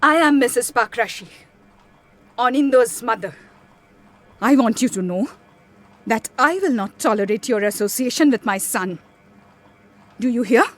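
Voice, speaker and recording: Imperious wealthy matriarch, high-pitched. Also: female voice, lively intonation, normal speed, pauses often, soft background music. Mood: cold, threatening. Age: middle-aged. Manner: imperious, scornful, commanding. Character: haughty, threatening wealthy family matriarch, mother of grown son. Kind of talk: radio drama acting.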